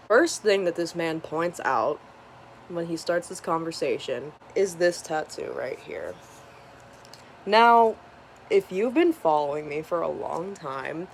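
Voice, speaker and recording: A woman in her twenties telling a story casually at home, animated and swearing freely. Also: low-pitched. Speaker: vlogger. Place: hot room at home with a fan on. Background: faint fan hum.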